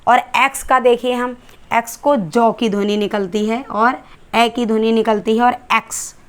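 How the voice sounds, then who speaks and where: A woman's voice: a little high, steady tone, unhurried, a bit bright, clear, resonant tone. A woman English teacher with an Indian accent, explaining letter sounds step by step in a classroom-style lesson and asking rhetorical questions as she goes.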